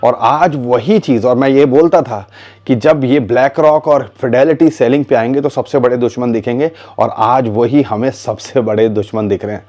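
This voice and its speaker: A man talks through market charts in a relaxed, chatty way. His voice is warm and mellow. He throws in rhetorical questions and calls his listeners "bhaiya". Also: mid-range voice, normal speed. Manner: conversational, addresses viewers as "bhaiya", rhetorical questions. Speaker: crypto market commentator. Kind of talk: casual explanatory commentary.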